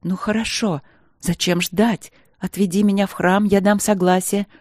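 A woman's voice: mid-range voice, steady tone, normal speed, darkish tone, no echo, studio quality, pitched above the performer's own voice, natural voice. A woman reading an audiobook, voicing a furious, desperate young princess who raises her voice and speaks bitterly.

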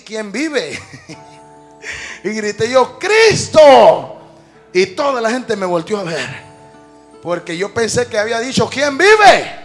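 A man preaching a sermon, moving from calm storytelling to shouted exhortation and often calling out to the brothers. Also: high-pitched. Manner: calls the congregation brothers often.

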